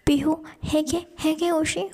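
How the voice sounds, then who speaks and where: A woman's voice: sits high, flat delivery, takes it slowly, dark tone, pitched above the performer's own voice. Woman voicing a teasing young husband. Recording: long reverb.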